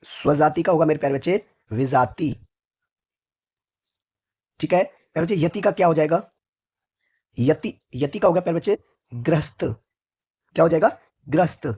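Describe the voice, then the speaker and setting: A hoarse man teaching a vocabulary lesson for exam preparation, who asks each question, answers it himself, and keeps addressing his students fondly. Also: a little high, moderate pace, long pauses, darkish tone. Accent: North Indian Hindi. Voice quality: husky.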